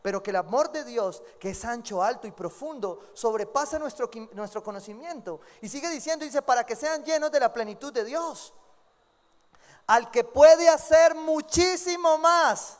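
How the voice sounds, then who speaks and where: Pastor guy preaching, really high voice, jokey, big churchy reverb. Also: brisk, hardly any pauses. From Colombia. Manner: lively, acts out quoted congregants with humor. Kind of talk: sermon. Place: church sanctuary. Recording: long church hall reverb.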